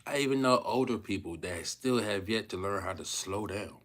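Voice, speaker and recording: Low-voiced guy in his 30s rambling on a livestream, keeps repeating himself, laid back. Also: moderate pace, a bit bright. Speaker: vlogger. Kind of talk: casual livestream talk to viewers.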